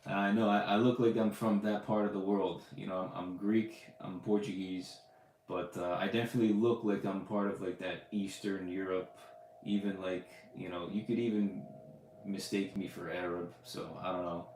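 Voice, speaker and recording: Easygoing man with a low voice, roomy sound. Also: level tone, moderate pace, darkish tone, a little hiss or hum. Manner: loose, rambling, many fillers and restarts. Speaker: podcast host answering live questions. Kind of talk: casual livestream chat. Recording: roomy echo.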